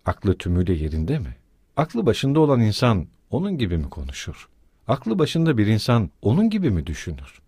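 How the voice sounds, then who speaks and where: A man narrating a literary audiobook, with measured delivery and quieter, lower dialogue lines. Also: breathy edge, no room sound, studio quality.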